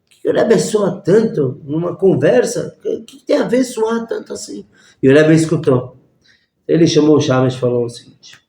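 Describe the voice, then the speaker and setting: A man, a rabbi teaching a lesson through lively stories and acted-out voices. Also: on the high side. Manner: animated storyteller acting out voices. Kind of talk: storytelling lesson. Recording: echoey room.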